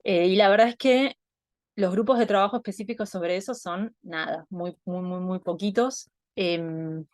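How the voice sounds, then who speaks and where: A woman's voice: mid-range voice, normal speed, no echo, studio quality. A woman from Argentina with an Argentine Spanish accent, an anthropologist giving an online talk, thinking aloud with many fillers and restarts. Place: home, Buenos Aires.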